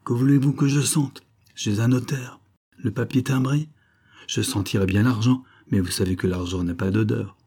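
A man's voice: medium pitch, steady tone, moderate pace, warm tone, breathy edge. A man voicing a scheming villainous count who feigns emotion in theatrical exclamations, read in an audiobook. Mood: mocking.

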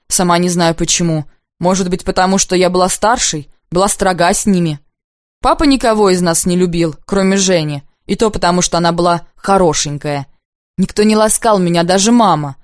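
A woman's voice: fairly low pitch, darkish tone, dry recording, studio quality, natural voice. A woman reading a fierce, bitter spinster. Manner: intense, accusing, slow and heavy at times. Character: proud, bitter unmarried woman, fierce and stern. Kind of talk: audiobook dialogue reading.

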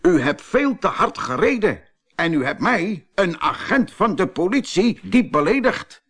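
A man's voice: high voice, sing-song, measured pace, fairly bright tone, slightly rough, voice pushed up, full character voice. A man voicing a stern, officious male police officer in a children's storybook. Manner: officious, listing charges.

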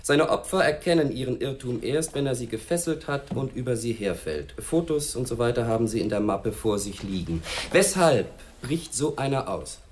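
A man's voice: medium pitch, lively intonation, moderate pace, few pauses, a little mellow, natural voice. An actor playing a curt, sardonic police chief briefing his task force. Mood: brusque.

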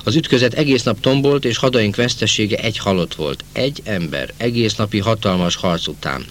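A man narrating a novel as an audiobook, in a measured first-person storytelling manner. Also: lowish voice, a bit bright, a little hiss or hum. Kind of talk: novel reading.

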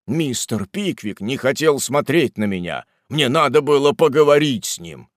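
A man's voice: mid-range voice, very animated, normal speed, no echo, clean studio sound, close to an everyday voice. A man voicing a fat, sleepy young male servant who pleads and whimpers. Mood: sulky.

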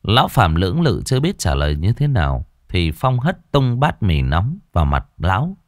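A man narrating an audiobook story in an expressive, storytelling way. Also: fairly low pitch, moderate pace, no room sound, clean studio sound. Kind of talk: scripted narration.

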